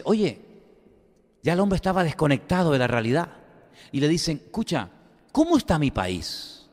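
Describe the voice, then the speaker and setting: A man preaching a sermon in a conversational storytelling manner, swinging between loud emphatic lines and quiet asides. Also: a little high. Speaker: pastor. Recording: long hall reverb.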